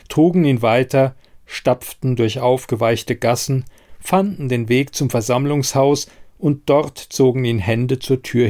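A male audiobook narrator with a grave, measured delivery and a mid-range voice. He reads at a slow, deliberate pace, letting each sentence settle. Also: medium pitch, warm tone. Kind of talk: audiobook narration of a dark fantasy story.

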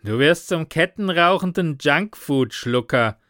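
A man voicing a brash young man who banters loudly with his friend. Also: fairly high pitch, expressive, a little slow, dry recording, studio quality, voice pushed up. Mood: bantering.

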